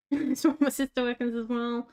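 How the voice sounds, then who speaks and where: Talking casually while gaming, a rural Australian woman YouTuber rambles, leans heavily on fillers and jokes at her own expense. She speaks on the high side at a moderate pace, with a clean, slightly mellow tone and little pitch movement.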